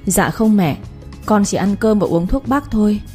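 A woman's voice: mid-range voice, animated, moderate pace, darkish tone, faint music behind, voice pushed up, lightly acted. Scared young wife begging for help, teary, a woman doing her. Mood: pleading. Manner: tearful, pleading. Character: frightened young pregnant wife, pleading.

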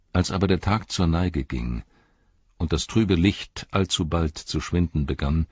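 A man narrating an audiobook in a calm, measured reading. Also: sits low, slightly rough, dry recording, dull audio. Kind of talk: scripted narration.

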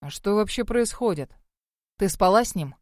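A woman's voice: medium pitch, expressive, moderate pace, darkish tone, no echo, natural voice. A woman plays a clueless, timid young man who is always lost in the conversation. His voice is bewildered and slightly whiny. The sound is dry and close, like a storybook recording. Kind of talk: audiobook character voice.

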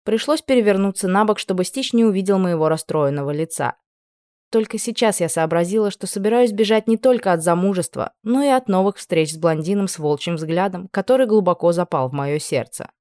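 Woman reading a novel aloud, lowish voice, lively and ironic, dry close mic. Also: fairly quick, dry recording. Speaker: audiobook narrator. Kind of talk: first-person fiction narration.

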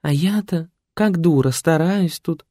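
Male reader doing a cooing nanny program, way high, dry close sound. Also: unhurried, dry recording. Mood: sheepish. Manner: soft singsong cooing. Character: tender female care program, lullaby nanny.

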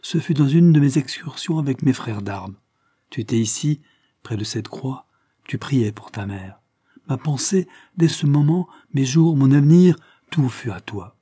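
A man's voice: mid-range voice, lively intonation, unhurried, dark tone, slightly rough, no echo, studio quality, pitched above the performer's own voice. A man voicing a young male guerrilla leader in an audiobook, speaking with impassioned, pleading intensity. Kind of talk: audiobook character reading.

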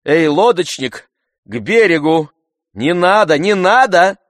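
A man reading an audiobook, voicing a playful, mischievous young woman in a raised, lively voice. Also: medium pitch, measured pace, creaky, slightly rough, no room sound, studio quality, pitched above the performer's own voice, full character voice. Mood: commanding.

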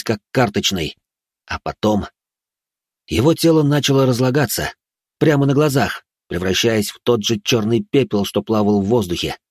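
Male audiobook narrator, low husky voice, hushed ominous storytelling, dry close sound. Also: dry recording.

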